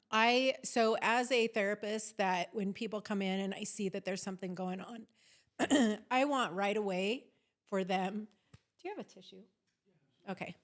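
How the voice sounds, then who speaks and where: Chatty woman therapist, clearing throat. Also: medium pitch, unhurried. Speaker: therapist, podcast guest. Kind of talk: casual conversational interview.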